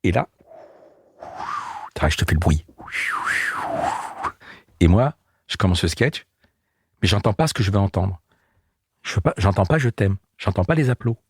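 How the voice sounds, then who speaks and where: A man in his sixties, a comedian and guest, telling animated anecdotes in casual chat and acting out the people he quotes. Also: fairly low pitch, normal speed, long pauses, slightly rough, no echo. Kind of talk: casual storytelling.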